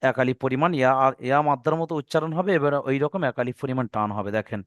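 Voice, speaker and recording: Male reading teacher, online class; patient, spells everything out, stretches recited words. Smooth, clear voice, dry sound. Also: medium pitch, dry recording, lo-fi sound. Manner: patient, spells out letters and vowel marks step by step; draws out recited words slowly.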